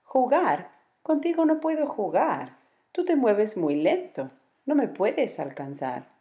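A woman's voice: mid-range voice, sing-song, takes it slowly, warm tone, voice pushed up. A woman voicing a lonely, grumpy young male jaguar in a children's storybook, talking in a sulky, dismissive way.

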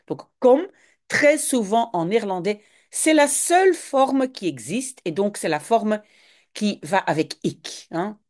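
A woman's voice: medium pitch, big pitch swings, a little slow. Patient woman teacher. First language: French. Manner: patient, explanatory, uses "hein". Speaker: language teacher. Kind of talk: slow read-aloud then explaining in class style.

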